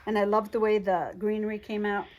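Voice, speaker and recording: A woman giving a casual show-and-tell tutorial on her quilting projects, chatty, talking fast and a lot with frequent restarts. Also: mid-range voice, flat delivery, darkish tone. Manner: chatty, talks fast and a lot, self-interrupting. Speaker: quilt shop co-owner showing projects.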